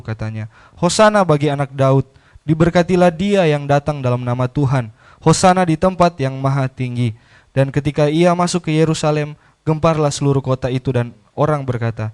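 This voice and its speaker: Cowok baca ayat alkitab, suara halus jernih, tenang. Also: male voice, fairly high pitch, a little mellow, clear, resonant tone. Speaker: scripture reader. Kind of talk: reading scripture aloud.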